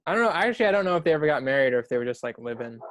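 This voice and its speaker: A man's voice: mid-range voice, big pitch swings, rapid-fire, a bit bright, slight background noise. A man co-hosting a casual chat over a video call, swearing offhandedly and laughing often. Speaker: podcast co-host.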